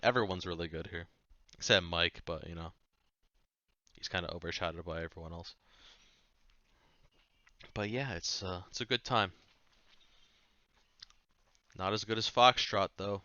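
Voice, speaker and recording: Male music reviewer, deep smooth voice, offhand rambling chat, slightly muffled recording. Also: measured pace, pauses often, bright, forceful tone, no echo. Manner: rambling, offhand, swears casually. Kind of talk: casual chat.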